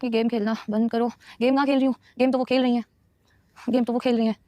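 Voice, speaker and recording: A woman's voice: fairly high pitch, level tone, mellow, dry recording. A young woman on a casual live stream answering viewers' questions, emotional and defensive, talking straight to her audience. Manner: emotional, rapid, defensive, addresses viewers directly.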